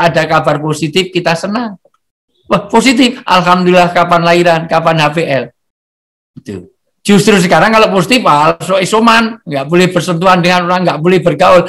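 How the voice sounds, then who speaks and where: A man delivers a humorous religious talk over a video call. His voice sits high, and he keeps it light and preachy, tossing out quick rhetorical questions between his jokes. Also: fairly bright tone. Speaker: speaker at a halal bihalal gathering.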